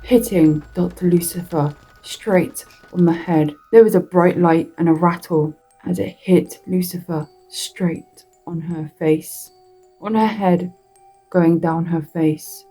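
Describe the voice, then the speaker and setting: A woman tells a horror story in a slow, deliberate reading that draws out its words. Her voice sits low, dark and husky. Faint music plays behind her. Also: fairly even intonation, poor audio. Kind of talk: spoken horror story narration.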